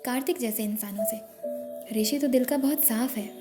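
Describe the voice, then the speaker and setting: Chatty, teasing young girlfriend, read by a woman, high and bright storybook voice. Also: moderate pace, close to an everyday voice. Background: background music.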